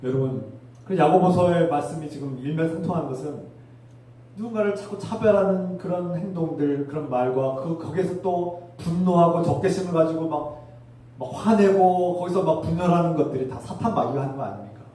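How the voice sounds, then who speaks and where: A fervent man preaching a sermon, his mellow, dark-toned voice pitched a little high for a man. He exhorts his congregation with rising commands. The sound is very echoey, picked up by a mic set well away from him in a church hall. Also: fairly quick, distant mic. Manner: fervent, exhorting, leads call-and-response commands. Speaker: pastor. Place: church sanctuary.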